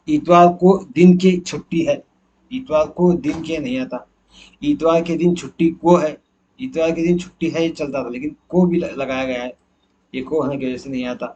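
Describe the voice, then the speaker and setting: A man's voice: on the high side, fairly even intonation, a little mellow, lo-fi sound, slight background noise. A man teacher going through exam questions one by one, asking and answering his own questions as he explains. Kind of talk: exam answer key walkthrough.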